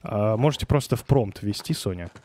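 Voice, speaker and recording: Speaking into a close microphone, a man with a lowish, dark voice live streams a game, talking briskly and expressively. He comments informally, mutters in puzzlement, swears, and reads and answers chat, with no room sound.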